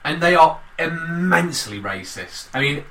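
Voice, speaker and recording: A man in casual banter, rambling and animated and swearing often. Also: fairly high pitch, normal speed, far from the mic. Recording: echoey room, off-mic, faint ambience.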